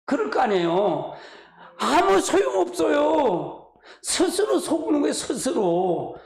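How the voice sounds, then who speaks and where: A pastor preaches a sermon in a church sanctuary, his voice extremely high, sing-song, gravelly and slow. He talks colloquially and emotionally, with sighing exclamations, and the recording has the echo of a church hall.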